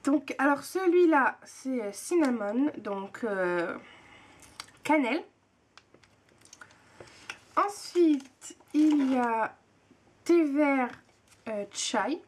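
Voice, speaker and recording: Gushing young woman, high voice. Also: animated, very slow, pauses often, slight background noise. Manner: chatty, gushing, many hesitations. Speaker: blogger reviewing a tea subscription box. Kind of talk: casual unboxing chat.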